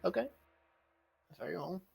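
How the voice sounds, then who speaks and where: A man's voice: sits high, normal speed, vocal fry, a little mellow, slightly rough. Southern man running a tabletop game. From Southern United States. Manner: joking, laid-back, with frequent "uh" fillers. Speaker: game master. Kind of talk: narrating a tabletop game on a live stream.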